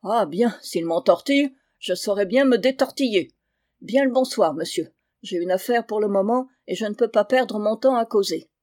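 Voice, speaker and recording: A woman voicing a gruff, stubborn middle-aged peasant father who answers curtly. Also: medium pitch, animated, moderate pace, a little mellow, natural voice. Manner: gruff, curt.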